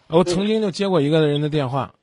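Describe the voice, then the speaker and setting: A man's voice: a little high, fast talker, a little mellow, dry recording, studio quality. A male radio advice host who lectures callers bluntly and scolds them sternly. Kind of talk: late-night radio advice talk. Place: radio studio. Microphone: studio microphone.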